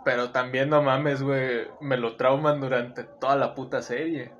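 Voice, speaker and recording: A man's voice: mid-range voice, steady tone, a little slow, dull audio, slight background noise. A man with a Mexican accent in casual chat, laid-back and slangy, explaining things to his friends. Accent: Mexican Spanish. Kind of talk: casual chat about anime.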